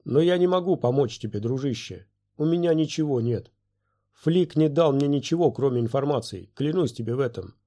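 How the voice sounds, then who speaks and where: A fretful, evasive middle-aged father frets and justifies himself, as a male narrator puts him on. The voice is lifted above the narrator's own and a bit louder, keeping a mellow, relaxed tone. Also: mid-range voice, fairly quick, voice pushed up, lightly acted. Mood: defensive, tired. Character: nervous fussy middle-aged man, a father.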